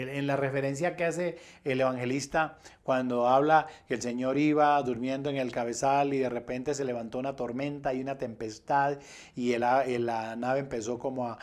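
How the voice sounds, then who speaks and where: A man preaching a sermon as pastor, asking the congregation rhetorical questions. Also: medium pitch.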